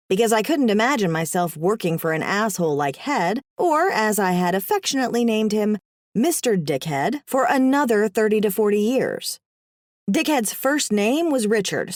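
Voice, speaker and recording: A woman's voice: medium pitch, very animated, moderate pace, dry recording, studio quality. A woman narrating a first-person audiobook in a sassy, wry storytelling manner.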